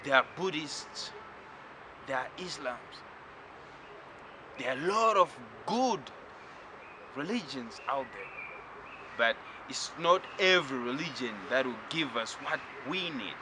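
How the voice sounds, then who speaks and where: A man from Zimbabwe giving a spiritual lecture, talking slowly and reflectively and addressing the listener directly. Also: mid-range voice, expressive, noisy background.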